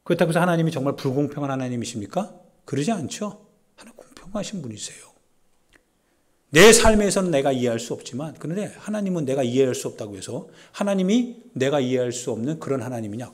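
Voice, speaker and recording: A male pastor with a rather high voice preaches a Sunday sermon during a church service. He talks conversationally, swinging between loud pleading and hushed asides.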